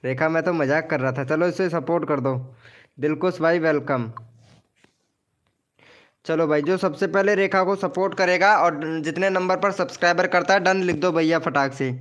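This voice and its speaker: A man's voice: on the high side, moderate pace, fairly bright tone. A man hosting a casual live stream who promotes viewers' channels, teases them jokingly and calls each of them by name.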